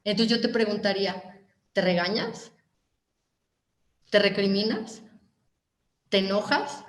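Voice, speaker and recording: A woman with a Mexican Spanish accent giving a motivational talk, animated and asking her listeners question after question. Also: medium pitch, slow pace, echoey room. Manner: animated, asks the audience many questions. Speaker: motivational speaker.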